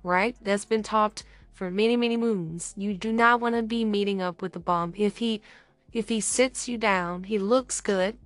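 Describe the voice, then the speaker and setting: A woman co-hosts a podcast in a casual advice chat, lively and playful, slipping into other people's voices. Her voice is dry and close, with faint music playing underneath. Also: medium pitch, moderate pace, no echo. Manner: animated, acts out dialogue with others' voices. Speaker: podcast co-host.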